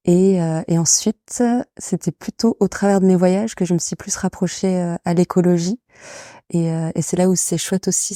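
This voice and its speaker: Low, dark-voiced young woman, hesitant. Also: dry recording, clean studio sound. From England, raised in France. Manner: hesitant, many fillers. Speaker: guest, association director. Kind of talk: casual interview.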